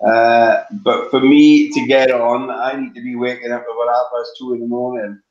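Medium-pitched and darkish in tone, this middle-aged man from Wales speaks at a moderate pace with little pitch movement. A competition flyer, he's a guest on a relaxed video call from his living-room couch, full of ums and restarts, and the webcam audio is roomy, dull and lo-fi.

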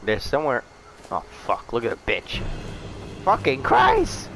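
A young man giving profane let's play commentary, muttering low and then shrieking in panic. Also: animated, moderate pace, over loud music. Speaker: gamer.

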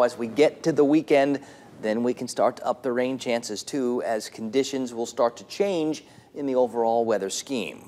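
A man delivers a morning weather forecast for television, moving from temperatures to rain chances. His voice sits in a middle pitch, and his delivery stays relaxed and conversational rather than stiffly read.

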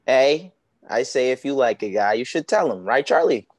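A woman's voice: very deep voice, lively intonation, moderate pace, a little mellow. A woman reading the part of a brash young male drummer at a script read-through. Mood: blunt.

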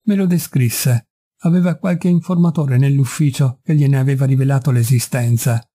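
A man's voice: medium pitch, moderate pace, warm tone, lightly acted. A man voicing a distraught young noblewoman who pleads and confesses in an audiobook reading. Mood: confessing. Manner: imploring, breathless pleading.

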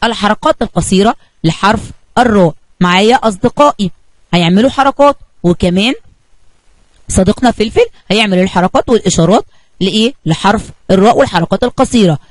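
A woman with an Egyptian Arabic accent teaches young children through a story and keeps asking them questions. Her delivery is animated, and the close recording is dry. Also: mid-range voice, fast, no echo, low-quality recording. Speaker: kindergarten teacher. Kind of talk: children's lesson narration.

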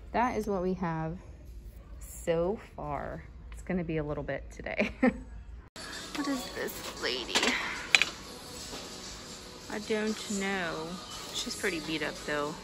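A woman in her thirties who resells vintage goods chats casually through a thrift-store haul, thinking aloud with fillers and little laughs. Her voice sits low, and the recording, made on a handheld phone in a large store, has a noisy background.

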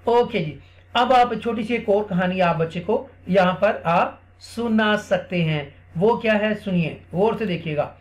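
A man teaching other Quran teachers a classroom technique in a screen-recorded tutorial. He explains step by step, often checks in with "theek hai", and reads English lines slowly and deliberately. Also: sits high. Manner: slow, deliberate English read-aloud.

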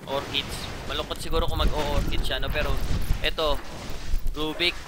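A man with a Filipino accent giving live video game commentary, bursting into loud exclamations over the play. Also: fairly high pitch, normal speed. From Philippines. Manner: excitable, frequent loud exclamations. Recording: game sound noise behind the voice. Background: game sounds.

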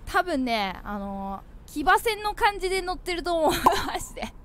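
A young woman giving animated, jumpy commentary as she plays a horror game, calling herself by name. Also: very high-pitched, normal speed. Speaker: game streamer.

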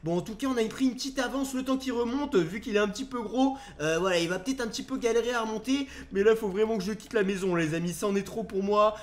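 A man's voice: high-pitched, fast, few pauses. A young man hosting a Minecraft video, commenting on the game to viewers in a theatrical, easily alarmed way. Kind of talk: dramatised gameplay commentary addressed to viewers.

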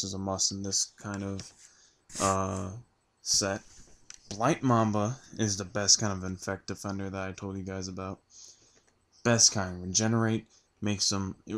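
Hoarse male vlogger, voice shot from yelling, low-ish pitch, casual rambling recap. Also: a little hiss or hum. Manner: rambling, with many ums and restarts. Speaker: card game vlogger.

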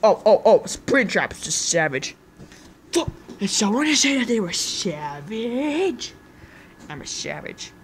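A woman performs a homemade toy skit, voicing every character herself. She bounces from squeaky high voices to low grumbles with a very lively pitch and an unhurried pace. Faint room ambience sits behind her. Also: slight background noise. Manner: jumps between many put-on character voices, squeaky highs and low mutters.

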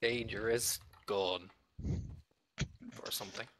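Bright-voiced man chatting through a game. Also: fairly low pitch, fairly even intonation, slow pace, slight background noise. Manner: chatty, amused, narrates the action. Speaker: host playing an online game. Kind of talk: casual gaming chat.

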